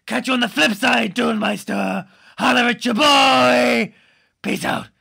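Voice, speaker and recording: A man doing a goofy, laddish superhero for a comic podcast, with a gravelly, rasping voice pitched high and bright. The talk rambles along and keeps bursting into excited shouts. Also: a little slow, heavily acted. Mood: rambling. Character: goofy laddish male superhero chatting about TV.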